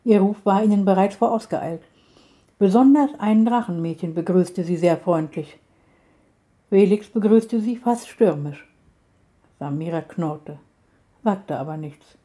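A woman reading a children's story aloud in a calm, measured storytelling manner. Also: medium pitch.

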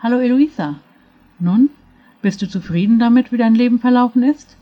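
A woman voicing a kind, calm fairy of wishes who questions gently and knowingly, in a storybook reading. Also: medium pitch, normal speed, highs cut off, lightly acted.

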